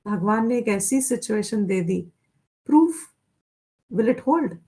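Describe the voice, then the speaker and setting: Slow-paced Hindi-speaking woman teacher. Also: fairly high pitch, expressive, dark tone. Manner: mixes Hindi with English phrases, acts out quoted voices. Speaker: Vedanta teacher. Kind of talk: spiritual lecture.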